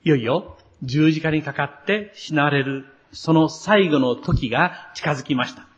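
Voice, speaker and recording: A man preaching a sermon to his congregation in an earnest, expressive way, building to emphatic passages. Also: a little high, measured pace, muffled recording. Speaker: pastor.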